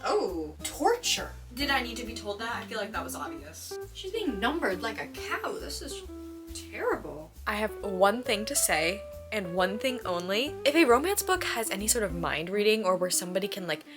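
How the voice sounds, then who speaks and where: A young adult American woman gushes like a fangirl in a casual reading vlog, saying "like" often. Her book-vlogger voice is medium-pitched and expressive, at normal speed over music.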